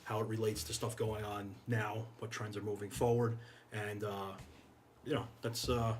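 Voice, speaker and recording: A fire chief in his middle years, American, speaks as a podcast guest indoors, casual and earnest, leaning on repeated phrases for emphasis. His voice is lowish and level, delivered at a moderate pace, with clear background noise and room ambience in the recording.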